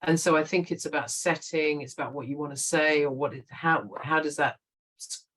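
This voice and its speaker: Lively middle-aged woman writer, laughing. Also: deep voice, a little fast, low-quality recording. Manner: lively, laughs often, animated storytelling. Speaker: guest writer. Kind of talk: conversational interview.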